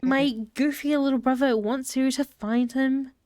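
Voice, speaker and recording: A woman's voice: high voice, fairly even intonation, a little slow, a little mellow, dry recording, faint music behind. A woman voicing a blunt, exasperated teenage big sister. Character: bossy teenage big sister, eye-rolling.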